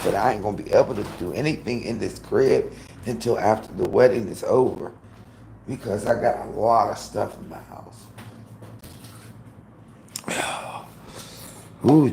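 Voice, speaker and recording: A man in his fifties hosting a casual livestream from home, gossiping with viewers in an animated, profane way. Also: on the low side, unhurried, creaky, pauses often, a little hiss or hum, rough recording. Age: 50s. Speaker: livestream host. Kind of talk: casual live-stream chat.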